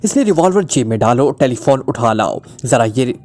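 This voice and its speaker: A man's voice: medium pitch, big pitch swings, normal speed, darkish tone, close to an everyday voice. A man voicing a flippant, unflappable male detective who teases and mocks in a breezy way. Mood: mock-serious. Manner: breezy, mocking, teasing.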